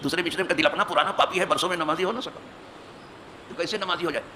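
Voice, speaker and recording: An imam preaches from a mosque pulpit, his voice bright, sharp and somewhat high. He drives points home with rhetorical questions and rising emphatic bursts. Faint street noise sits underneath. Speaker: mosque imam giving hadith lesson. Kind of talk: Urdu hadith sermon.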